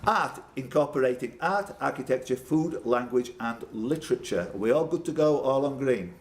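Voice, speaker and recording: Hosting a pub quiz indoors, this man speaks at a moderate pace in a lively, medium-pitched voice. He reads out each question before chatting and joking freely with the players, while the pub room hums with background noise.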